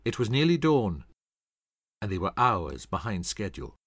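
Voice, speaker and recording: A man's voice: lowish voice, very animated, normal speed, a bit bright, no echo, studio quality. Dramatic male history narrator. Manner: dramatic, acts out quoted voices.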